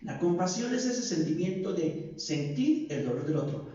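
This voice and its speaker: A man giving a sermon as a priest, speaking deliberately with rhetorical questions and repeated phrases, recorded in a large church. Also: high voice, very animated, dark tone. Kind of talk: sermon reflection. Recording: echoey, distant, dull recording.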